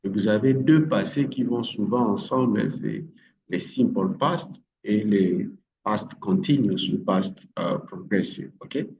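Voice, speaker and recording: A man giving a language lesson, slowly drilling words over and over, with frequent hesitations. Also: lowish voice, a little mellow, far from the mic, muffled recording. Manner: slow, drilling words with repetition and many fillers. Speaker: English teacher.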